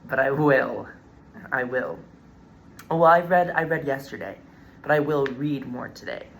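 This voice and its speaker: Casual student vlogger, twenties, chatty and laughing, slight fry, traffic noise around. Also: mid-range voice, measured pace, a bit bright. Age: 20s. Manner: rambling, chatty, laughs often. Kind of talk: casual vlog chat. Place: walking outdoors around campus.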